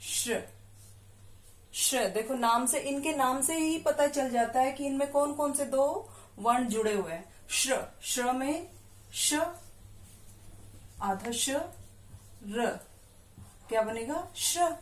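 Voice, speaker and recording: A woman with a high voice teaches a primary school lesson at an unhurried pace, her words echoing in a reverberant space. She is patient, stretching out syllables and quizzing the children with questions.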